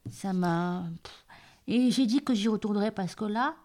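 A hard-of-hearing woman with a southern French accent, answering interview questions in a hesitant, halting way with many fillers. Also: mid-range voice, dark tone. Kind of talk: casual interview.

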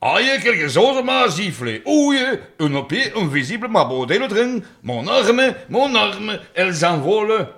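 A man's voice: high voice, big pitch swings, unhurried, few pauses, a bit bright, full character voice. A man plays a self-important reactionary customs officer in a satirical radio play. His delivery swings widely as he declaims in slogans. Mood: flustered. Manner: pompous, sloganeering. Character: pompous, reactionary male border customs officer, zealous and absurd. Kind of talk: satirical radio drama acting.

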